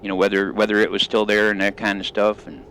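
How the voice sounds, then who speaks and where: A man's voice: lowish voice, completely flat delivery, fast talker, a bit bright, a little hiss or hum. A middle-aged man hosting a gaming video, telling old stories in a folksy, rambling drawl with country grammar while driving in the game. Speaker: gaming channel host.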